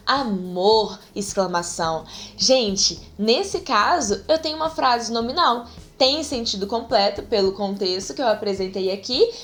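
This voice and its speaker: A woman grammar teacher giving a chatty, lively video lesson and often speaking straight to her viewers. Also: fairly high pitch.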